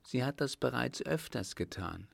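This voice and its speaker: A man's voice: mid-range voice, expressive, moderate pace, vocal fry, dry recording. A man reading an earnest young French mademoiselle.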